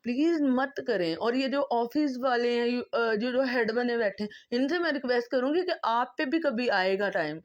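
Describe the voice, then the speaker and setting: A woman's voice: a little high, normal speed, hardly any pauses, dull audio. A woman vlogger from Pakistan speaking an impassioned, pleading monologue, emotional and close to tears, driving her points home by repeating them. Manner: impassioned, pleading, repetitive emphasis.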